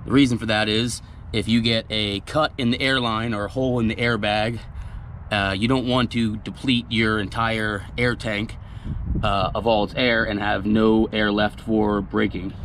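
His voice is lowish and a bit bright, with little pitch movement, at a moderate pace, and there's a little hiss or hum. He's a truck repair technician walking through a trailer repair on a gravel lot, recorded on a body-worn camera, talking plainly with frequent fillers.

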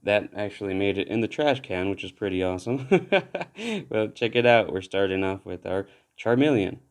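A man giving casual commentary while opening trading card packs, relaxed but breaking into excited exclamations at good pulls. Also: on the low side, moderate pace. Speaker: card pack opener.

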